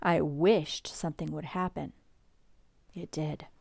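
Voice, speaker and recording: A woman reading a children's storybook aloud at bedtime, with expressive shifts for the quoted lines. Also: deep voice, takes it slowly, gravelly. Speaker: storybook reader.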